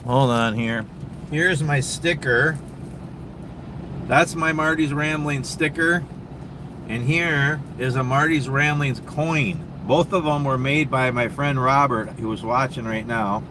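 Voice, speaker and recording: At a truck stop with traffic and air conditioning humming in the background, a Minnesota man with a medium-pitched voice runs a casual livestream. He fields viewer questions in an easygoing, rambling manner, full of ums and restarts.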